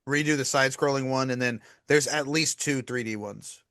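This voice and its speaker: A man's voice: medium pitch, moderate pace, no room sound, studio quality. A man in his thirties co-hosting a casual gaming podcast, talking animatedly, swearing and laughing. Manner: animated, swearing, laughing, gets carried away. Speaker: podcast co-host. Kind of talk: casual chat.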